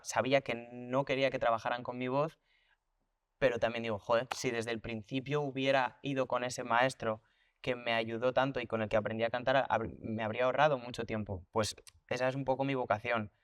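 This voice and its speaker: A man talks through his ideas in a relaxed interview. His mid-range voice is reflective and full of concrete examples. It sounds dry, with little room echo. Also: mid-range voice, normal speed. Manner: reflective, thinks aloud with restarts and repetitions; explains with hands-on examples and comparisons. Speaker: voice teacher and actor. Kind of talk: conversational interview.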